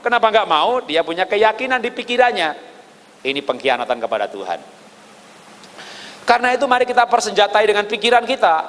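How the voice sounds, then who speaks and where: A man with an Indonesian accent preaching a sermon, animated, asking rhetorical questions and dropping low for emphasis. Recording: long hall reverb.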